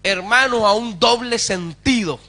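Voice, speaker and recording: Male pastor, sermon, high voice, bright tone, fervent call-and-response preaching. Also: measured pace. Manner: rhetorical questions to the audience.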